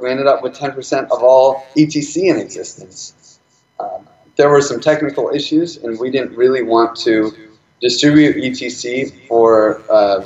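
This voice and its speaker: Man talking fast in an echoey room. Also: mid-range voice. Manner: fast, with many fillers and restarts. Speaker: speaker presenting his nonprofit project. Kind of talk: live presentation talk. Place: event hall. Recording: echoey room, slightly dull sound.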